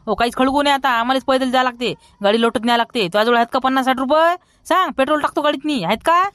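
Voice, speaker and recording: A man playing a high, quick scolding villager. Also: smooth, no echo, clean studio sound. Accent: Vidarbha Marathi. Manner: scolding, rapid and loud. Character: fussy broke village man, always scolding. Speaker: villager in comedy sketch. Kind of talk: rustic comedy sketch acting.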